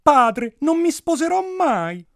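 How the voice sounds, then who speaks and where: A man voicing a proud young princess in a high, theatrical voice. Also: sing-song, slow, dry recording, studio quality, full character voice. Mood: defiant.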